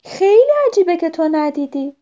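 A woman's voice: very high voice, voice pushed up. A woman voicing an eager little boy from a children's story. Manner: eager, lively. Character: excited little boy who loves fireworks. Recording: dull lo-fi recording.

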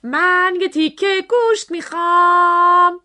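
A woman voicing a noisy, shouting man in a children's story, drawing out his loud demands slowly. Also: high voice, big pitch swings. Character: loud shouting grown man who learns quietness.

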